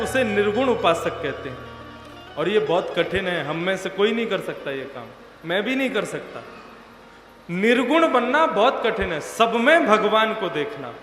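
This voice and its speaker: A male preacher gives a devotional sermon in a high voice, telling stories and quizzing the crowd. His voice rings with long reverb through a large hall. Music plays behind him. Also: a bit bright. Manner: asks the crowd questions and tells stories.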